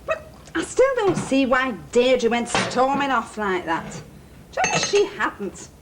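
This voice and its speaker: A woman's voice: high-pitched, wildly swooping pitch, slow pace, exaggerated voice. An actress playing a chatty young woman, heard from a worn VHS tape copy with hiss and clicks.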